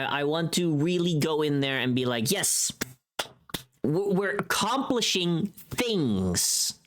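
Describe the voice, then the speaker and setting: A woman with a voice on the low side chats casually with her livestream viewers. Her talk is scattered, expressive and self-deprecating.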